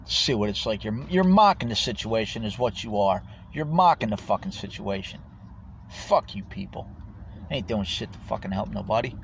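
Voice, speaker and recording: Man, low voice, angry profane rant, stammering restarts, outdoors by a street, dull phone recording, faint traffic behind. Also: expressive, moderate pace, creaky. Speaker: homeless vlogger.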